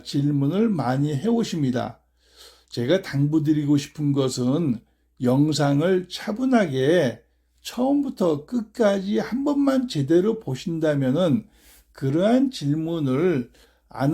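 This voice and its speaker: Middle-aged male farmer-host, outdoors; dark, mellow tone, explains things patiently. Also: on the high side, husky. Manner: measured, explanatory, frequent "uh" fillers. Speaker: blueberry farmer and channel host. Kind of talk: instructional farm vlog narration. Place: outdoors on a farm.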